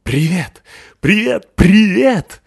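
Here the man plays a rowdy malamute from a kids' book at an unhurried pace, barking and yelling in a loud, high voice. The character is excited, carefree, and constantly on the move.

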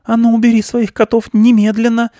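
A man doing a shrill, scolding shrew aunt. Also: expressive, moderate pace, darkish tone, no echo, clean studio sound. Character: bossy, scolding big female shrew.

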